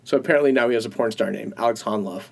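A man's voice: medium pitch, racing, creaky, a little mellow, breathy edge. A man co-hosting a podcast, chatting casually, rambling through stories and laughing often. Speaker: podcast co-host. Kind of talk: casual chat.

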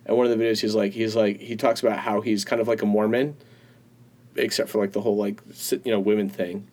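A man's voice: lowish voice, fairly even intonation, fast, darkish tone. A man co-hosts a casual podcast, telling stories in a loose, rambling way. He breaks into laughter often. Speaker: podcast co-host. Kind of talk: casual chat.

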